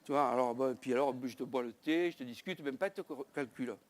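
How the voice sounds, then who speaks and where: A man's voice: medium pitch, fast. A male comedian telling a rambling comic story on a small theater stage, chatty, with frequent asides and crude exclamations. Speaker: stand-up comedian.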